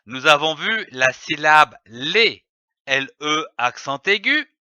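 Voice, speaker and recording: A man teaching children to read, slowly sounding out letters and syllables in a phonics lesson. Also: a little high, lively intonation, pushed and bright, clear, resonant tone, dry recording. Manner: slow, carefully spelled-out syllables. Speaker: reading teacher.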